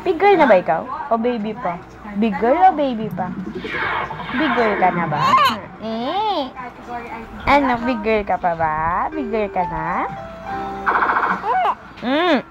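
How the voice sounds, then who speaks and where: High sing-song baby talk from a woman. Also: very animated, slow pace, pauses often, highs cut off, loud music behind the voice. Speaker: mother talking to her baby. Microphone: handheld camera mic.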